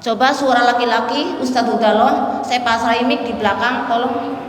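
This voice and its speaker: A woman teaching melodic Quran recitation, chanting verses slowly, then talking quickly to encourage her students. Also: a little high, fairly even intonation, a little hiss or hum. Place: mosque hall. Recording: echoey mosque hall with long reverb.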